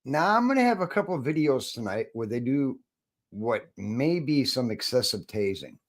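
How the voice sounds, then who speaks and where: A man's voice: medium pitch, very animated, moderate pace. A man hosting his channel, giving casual, joking commentary on viewer-sent videos in an offhand, chatty way. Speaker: channel host reacting to videos.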